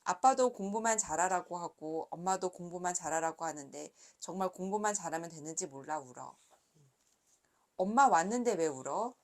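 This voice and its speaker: A woman in her thirties, a picture book author, reading her book aloud gently and then chatting softly about it with light laughs. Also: on the low side, animated, moderate pace.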